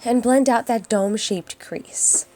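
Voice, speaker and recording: A young woman with a raspy, hoarse voice from a cold, chatting casually through a makeup tutorial voice-over. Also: on the high side, measured pace, mellow, dry recording. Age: young adult. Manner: chatty and upbeat, addresses viewers as guys. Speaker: beauty vlogger. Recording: voice-over with faint music behind.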